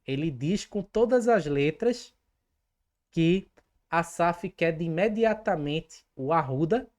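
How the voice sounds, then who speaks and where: A woman's voice: fairly low pitch, expressive, slow, darkish tone. A woman hosting a fan channel, commenting emphatically and with indignation, speaking straight to her viewers. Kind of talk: opinionated commentary vlog.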